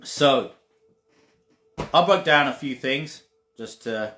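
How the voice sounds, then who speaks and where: An animated male spiritual teacher with a mid-range voice speaks slowly in a pushed, bright tone. His casual talk is emphatic and repetitive, with some swearing, and the space echoes over faint music.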